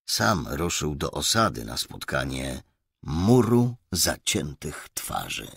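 A man narrating a crime audiobook in an expressive storytelling way. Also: very deep voice, takes it slowly, vocal fry, husky, dry recording, studio quality. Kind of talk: scripted narration.

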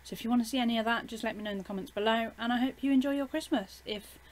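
A woman's voice: on the high side, racing. A young woman with a British accent, chatting casually as a YouTuber in a home vlog, filling gaps with "basically" and "um".

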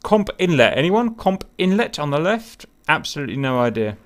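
A man hosts a loose voice-chat group discussion about a cockpit picture, thinking aloud, trailing off into fillers, and asking the others what things are. His voice is a little high, fairly quick, with big pitch swings.

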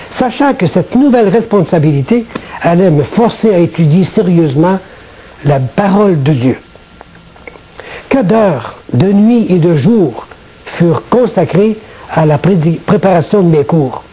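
Earnest older Québécois man, mellow voice. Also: sits high, expressive, breathy edge, low-quality recording. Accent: Québécois French. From Quebec, Canada. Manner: measured, earnest, deliberate. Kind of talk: scripted personal testimony to camera. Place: small TV studio set.

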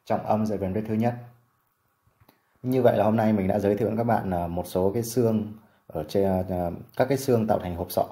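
Man teaching, low mellow voice. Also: steady tone, reverberant. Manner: slow careful pronunciation drills. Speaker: medical English teacher. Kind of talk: vocabulary lesson.

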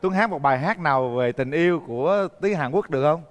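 Animated southern Vietnamese male show host. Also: fairly high pitch, fairly quick, big-room sound. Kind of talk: casual, playful hosting. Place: TV studio stage. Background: music.

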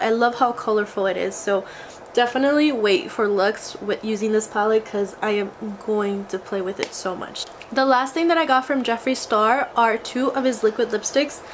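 Her voice is fairly high and a bit bright. This twenty-something beauty vlogger gushes with exclamatory enthusiasm in a casual makeup haul video, sounding slightly scratchy from a cold. She's filming in a small indoor room against a glitter backdrop.

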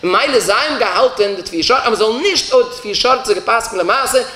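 A rabbi teaching a Torah class delivers a lecture on religious law, raising questions and then answering them to explain each point. His voice sits high, with lively intonation, a brisk pace, and a sharp tone, recorded in a roomy, echoey room.

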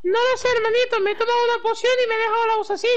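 Childish little brother, extremely high squeaky pitch-shifted voice, playful game role-play, loud background chatter. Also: male voice, level tone, very fast. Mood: plaintive. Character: little brother with a squeaky rat-like potion-altered voice.

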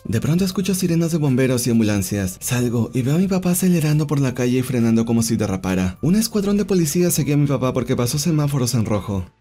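A male storyteller reads out online anecdotes with a lively, swinging intonation and a mellow, relaxed timbre. He narrates in a scripted, animated way, dipping into quoted voices as he goes. Faint music plays softly underneath. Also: medium pitch. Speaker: storyteller, channel host.

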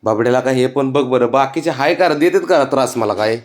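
A man talking casually to his pet cat, coaxing it in sing-song baby talk and sometimes dropping to soft murmurs. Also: medium pitch, fairly quick. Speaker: pet owner.

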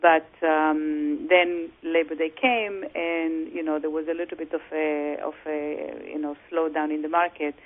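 A woman real estate broker and coach talking over the phone in an interview, measured and full of "you know" fillers. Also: sits low, level tone. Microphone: telephone. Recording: tinny phone line.

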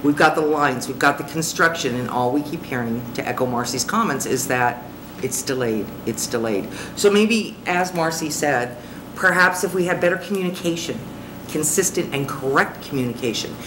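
With a low voice, lively intonation and moderate pace, a woman on the city council presses a presenter with blunt, frustrated, plain-spoken questions at a public meeting. She sits at the dais of a large chamber, and her desk microphone captures plenty of echo and noise.

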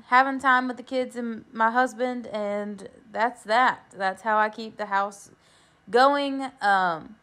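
A woman's voice: on the high side, a bit bright. A woman in her thirties, a mother, chatting casually and encouragingly as she narrates her cleaning routine, with frequent "um"s. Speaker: cleaning vlogger, mom.

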